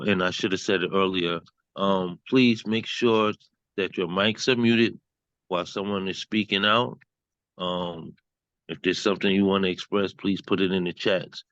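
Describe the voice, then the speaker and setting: Very deep, flat-voiced male host. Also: clear, resonant tone, no room sound. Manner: relaxed, hesitant with frequent ums. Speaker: open mic host. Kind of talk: casual hosting. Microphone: video call. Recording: dull dry video call audio.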